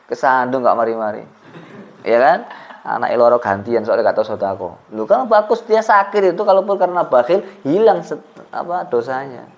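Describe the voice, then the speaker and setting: A man's voice: medium pitch, sing-song, darkish tone, muffled recording. Man teaching a religious lesson. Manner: switches between slow Arabic recitation and casual joking explanation. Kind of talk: kitab study lesson.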